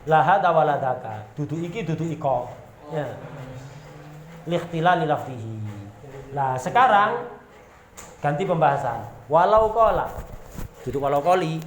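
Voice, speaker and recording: A man's voice: fairly high pitch, lively intonation, normal speed, long pauses, echoey room, a little hiss or hum. A man with a Javanese accent teaching a religious text, reading Arabic terms aloud, explaining them and throwing questions at his students. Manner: reads Arabic terms then explains them, asks rhetorical questions, jokes. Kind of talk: pesantren kitab lesson.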